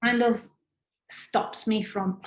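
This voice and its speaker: A former ballerina from northern Italy chats in a casual interview, her Italian-accented voice a little high with a steady tone. She's hesitant and halting, full of fillers and restarts, and the room has a noticeable echo.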